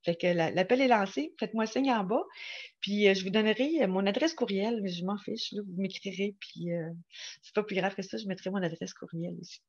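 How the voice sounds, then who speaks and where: Excited rambling woman with a Quebec accent. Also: mid-range voice, brisk, lo-fi sound. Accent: Quebec French. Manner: excited, rambling, many restarts and fillers. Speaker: spiritual vlogger. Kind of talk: casual spiritual talk to viewers.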